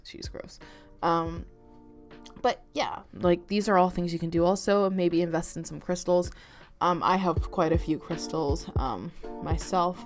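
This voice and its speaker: A young woman talking casually to camera, rambling with many fillers and restarts. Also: deep voice. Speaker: vlogger. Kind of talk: casual confessional talk to camera.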